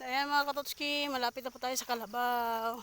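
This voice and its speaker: A woman's voice: high-pitched, fairly even intonation, normal speed, fairly bright tone, slight background noise. A woman casually vlogging outdoors in the countryside, chatting straight to her viewers and out of breath from walking. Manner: chatty, addressing viewers directly. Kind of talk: casual outdoor vlog narration. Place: rural outdoors.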